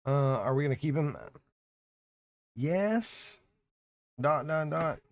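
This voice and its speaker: Gravelly guy rambling on his stream, lowish voice, dry close sound. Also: steady tone, a little fast, no echo. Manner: rambling, exclaiming, chatting to viewers. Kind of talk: casual live-stream chat.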